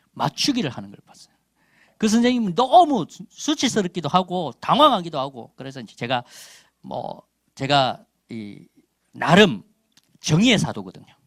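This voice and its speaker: A man in his forties preaches with emphasis, his fairly high voice climbing into loud calls and then dropping to near-whispered asides. The pitch swings widely as he tells a story from his own life. The sound is dry and close to the mic. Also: no echo. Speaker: missionary preacher. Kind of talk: sermon with personal testimony.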